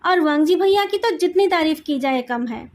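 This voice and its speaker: A woman's voice: high voice, expressive, normal speed, slight background noise. Woman doing a defiant young daughter.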